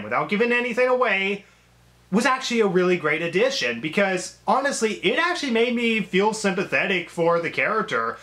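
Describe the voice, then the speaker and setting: A man's voice: high-pitched, sharp tone. A man giving a casual spoken movie review, rambling along with frequent "um"s and self-restarts.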